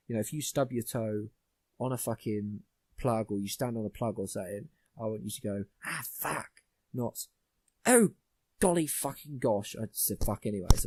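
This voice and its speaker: A man's voice: medium pitch, a little mellow, slightly rough, no echo. Blunt ranting guy, swearing. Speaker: podcast host. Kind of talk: casual chat.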